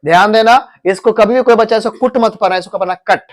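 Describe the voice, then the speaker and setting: Speaking in a high voice at a quick pace, this Indian-accented teacher runs an English grammar class in a coaching classroom. He repeats words and drills pronunciation, switching between Hindi and English.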